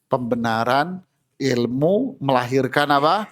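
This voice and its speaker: Male preacher, slow unhurried delivery, animated pitch, humorous sermon. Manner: humorous, acts out everyday scenes. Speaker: Islamic preacher. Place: mosque.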